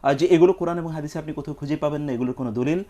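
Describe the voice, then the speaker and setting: A man with a fairly high voice explains religious rulings in a measured, teacherly way. He recites Arabic phrases and builds his points step by step, as a scholar answering on a studio question-and-answer program. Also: warm tone, dull audio. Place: television studio.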